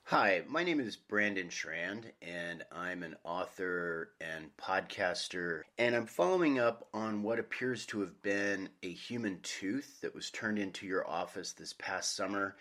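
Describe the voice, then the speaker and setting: A man's voice: deep voice, fairly bright tone. A middle-aged man hosting a podcast, narrating from a script and interviewing people. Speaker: podcast host and author.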